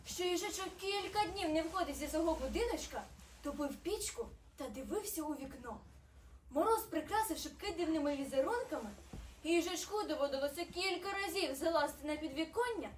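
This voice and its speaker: A woman reading a fairy tale aloud, narrating in an expressive, gentle storytelling manner. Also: very high-pitched, a little hiss or hum. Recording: roomy, distant mic, faint ambience.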